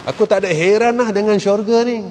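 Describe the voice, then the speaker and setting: A man's voice: sits high, quick pace, dark tone, pitched above the performer's own voice, lightly acted. A man voicing an arrogant, boastful rich man who scoffs dismissively, with a Malaysian Malay accent. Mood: scoffing. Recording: long hall reverb.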